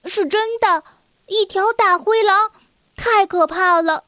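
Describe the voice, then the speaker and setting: A woman's voice: very high-pitched, measured pace, darkish tone, no room sound, clean studio sound. A woman voicing a frightened little girl in a children's storybook, speaking in an urgent, pleading way. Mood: scared. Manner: breathless, pleading, scared.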